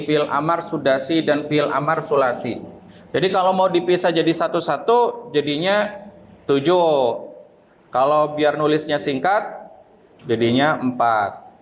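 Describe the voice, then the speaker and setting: A male teacher works through a grammar lesson at an unhurried pace. He keeps asking his class questions and then answers them himself. His voice sits a bit high, with a faint hiss in the background. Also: rough recording. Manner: slow and deliberate, explains with questions to the class.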